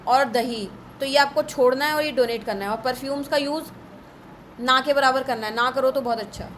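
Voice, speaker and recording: A woman teaching an astrology class in a live online session, brisk and a little scolding as she runs through lists. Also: high voice, fairly bright tone, a little hiss or hum, low-quality recording.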